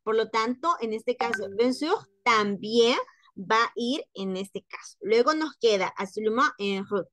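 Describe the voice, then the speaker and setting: Woman w teaching french sounds, patient, keeps repeating them, kinda high voice, dry sound. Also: a little slow, a bit bright, no echo. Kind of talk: online phonetics lesson.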